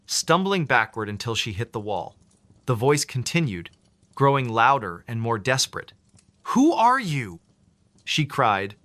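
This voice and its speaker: A man's voice: mid-range voice, pushed and bright, no echo. A man narrating a scripted horror story with dramatic, suspenseful delivery.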